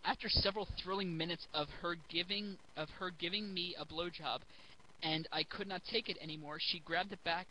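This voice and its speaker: A man's voice: high-pitched, steady tone, fairly quick, sharp tone, a little hiss or hum, poor audio. A giggly drunk man reading a story aloud for comedy, stumbling over the text and throwing in mocking asides.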